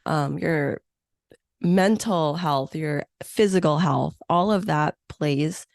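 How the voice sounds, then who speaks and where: A deep, creaky, darkish voice speaks slowly from a clean studio with no echo. It belongs to a woman in her thirties, a Hong Kong–born meeting planner raised in the U.S. whose first language is Chinese or Vietnamese, who talks as an interview guest in an enthusiastic, reflective way with many fillers.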